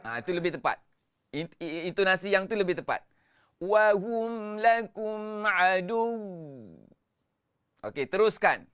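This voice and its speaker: A man's voice: sits high, animated, fast, fairly bright tone. A Malaysian man teaching Quran recitation live, coaching with repeated instructions, counting in, and chanting the verses melodically. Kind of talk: live-streamed tajwid lesson.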